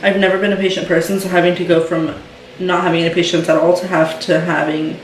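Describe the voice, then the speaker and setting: Her voice is on the lower side with a level tone, and she talks quickly. She's a young woman in casual mom-vlogger mode, chatty and full of fillers like "um" and "like," captured from a distance in a roomy space with a bit of background noise.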